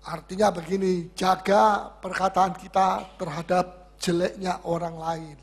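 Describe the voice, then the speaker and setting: A man's voice: high voice, flat delivery, unhurried, breathy edge. A pastor leading a Bible study sermon. He speaks emphatically, repeats key words and answers his own questions, with touches of humor.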